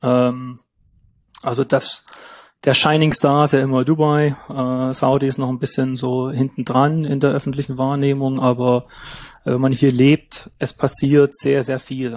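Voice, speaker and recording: A man from Germany, a company founder, answering interview questions over a remote call in a measured way, sometimes searching for words. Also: mid-range voice, little pitch movement, darkish tone, no room sound. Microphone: remote call from abroad.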